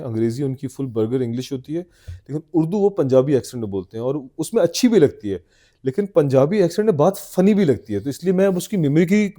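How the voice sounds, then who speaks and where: Mellow-voiced man telling stories on a podcast. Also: a little high. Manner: animated storyteller, chuckles often. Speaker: podcast co-host. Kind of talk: casual chat between old friends.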